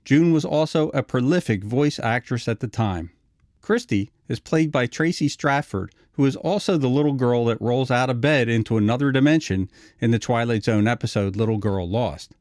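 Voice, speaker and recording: A man's voice: medium pitch, normal speed, a little mellow, dry recording, studio quality. A man narrating a scripted retrospective video essay.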